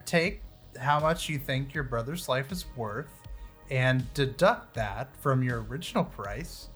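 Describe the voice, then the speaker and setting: A man playing a tabletop role-playing game, joking in a halting way. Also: mid-range voice, lively intonation, a bit bright, faint music behind. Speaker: player.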